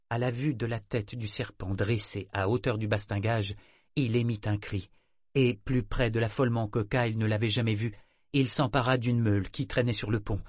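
An audiobook narrator reads a novel aloud in a steady, measured storytelling style. His voice is medium-pitched, and the recording is dry with clean studio sound.

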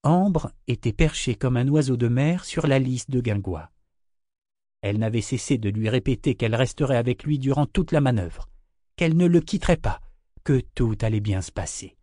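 A man reading a novel aloud in measured scripted narration. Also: mid-range voice, dark tone, no echo, studio quality. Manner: measured, storytelling. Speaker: audiobook narrator.

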